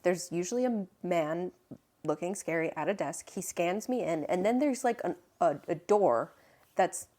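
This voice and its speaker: A woman's voice: fairly low pitch, expressive, normal speed, dark tone. A woman co-hosting a podcast, chatting casually and teasing her co-host, laughing often. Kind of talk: casual chat.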